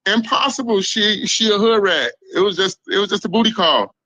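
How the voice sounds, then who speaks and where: A man from Israel, a guest on a live dating interview, giving short, flat answers. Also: sits high, a little fast, no room sound, poor audio.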